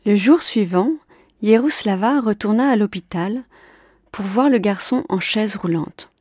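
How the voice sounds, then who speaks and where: A woman reads a children's storybook aloud at a steady, clear pace. Her voice is mellow and dark in tone. The recording is dry and close, with no room sound. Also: medium pitch, unhurried, dry recording. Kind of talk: scripted storybook narration.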